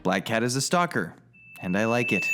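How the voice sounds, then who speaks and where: A man's voice: fairly low pitch, sing-song, moderate pace, over music. A man narrating a comedic video game critique in a sarcastic, mocking way.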